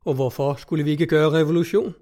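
A man's voice: on the high side, steady tone, warm tone, natural voice. A man voicing an indignant townsman butcher firing off rhetorical questions.

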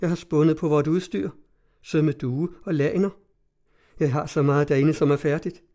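A man reading aloud puts on a fragile young woman, lost in confusion, who clings and pleads in a soft, trembling, raised voice. Her words come hushed and anxious, the tone mellow and dark underneath. It plays like a storybook heroine caught in grief. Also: on the high side, steady tone, lightly acted. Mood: anxious pleading. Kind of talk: audiobook reading.

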